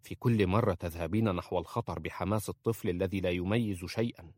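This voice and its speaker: A man's voice: low voice, steady tone, quick pace, darkish tone, no room sound, studio quality. A man voicing a young nobleman who tries to sound stern but is tender underneath.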